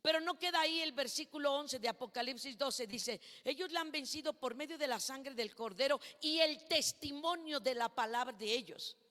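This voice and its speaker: A woman's voice: sits high, moderate pace, hardly any pauses, fairly bright tone, big-room sound. A woman preacher giving a sermon at a women's conference, asking the congregation questions and having them repeat words after her.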